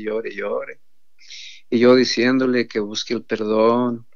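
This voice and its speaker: A man's voice: mid-range voice, gravelly. A man earnestly telling a testimony story to an audience he calls his brothers, repeating himself as he goes. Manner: earnest, repetitive, addresses listeners as brothers. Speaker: pro-life sidewalk counselor giving testimony. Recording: dull lo-fi recording.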